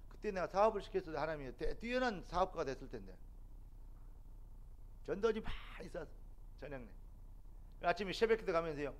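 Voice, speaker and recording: A middle-aged man preaching a sermon as a pastor in a church, building to loud, emphatic peaks. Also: high-pitched. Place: church sanctuary.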